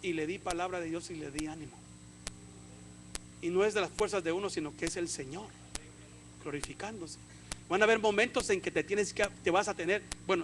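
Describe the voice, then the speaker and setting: A male pastor preaches a sermon in a strikingly high, bright voice. He moves between fervent, loud passages and hushed, soft asides. A faint noise sits under the livestream recording.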